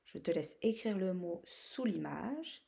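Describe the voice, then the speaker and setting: A woman teacher giving a phonics lesson to young pupils, saying each example word slowly and stretching out the syllables. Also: on the low side, lively intonation, vocal fry, mellow. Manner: drawn-out syllable-by-syllable word modeling.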